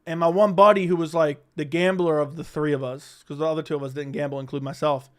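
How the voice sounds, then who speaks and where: Young male streamer, slightly high and very clean voice, casual, profane, rambling chat host. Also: steady tone, quick pace. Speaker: livestream host.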